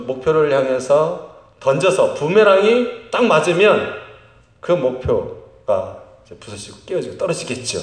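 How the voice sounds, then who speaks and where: A middle-aged man preaching a sermon as pastor of a church, swinging between loud emphatic lines and very quiet ones. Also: on the high side. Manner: lively, animated delivery. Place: church sanctuary. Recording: roomy church sound.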